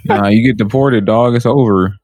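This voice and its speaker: A man's voice: fairly low pitch, fairly even intonation, normal speed, darkish tone, breathy edge, dry recording. A man in casual chat, bantering in slang and repeating phrases for emphasis.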